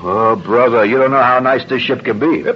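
An actor playing a chatty, cocky young navy galley helper in an old radio drama. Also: male voice, medium pitch, normal speed, lightly acted. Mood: excited gossip. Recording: muffled old radio recording, faint noise.

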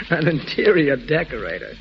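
Busy ad man, jaunty and dismissive, lively voice, old hissy recording. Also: fairly high pitch. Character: busy, dismissive advertising husband, Jock. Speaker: Jock, an advertising man. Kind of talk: 1940s radio drama acting. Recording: dull old radio recording, faint hiss.

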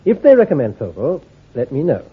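Performing a full character voice, an actor in an old radio play portrays a brisk, shrewd army intelligence commander delivering clipped, authoritative orders. The tone is commanding, with a somewhat husky timbre and lively pitch movement. Audio is tinny and thin, like a call over the phone.

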